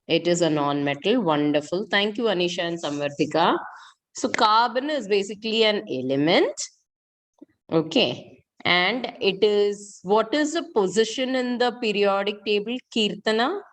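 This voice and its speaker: A woman's voice: mid-range voice, expressive, normal speed. A middle-aged woman with an Indian accent teaching chemistry in an interactive online class, asking questions and repeating key points. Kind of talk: interactive online school lesson.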